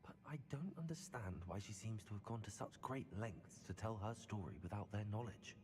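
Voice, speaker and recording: A serious young wizard student, voiced by a man speaks in a measured, reflective way in a video game. His voice sits a little low. The game audio carries a long reverb and clear background noise. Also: lively intonation, natural voice.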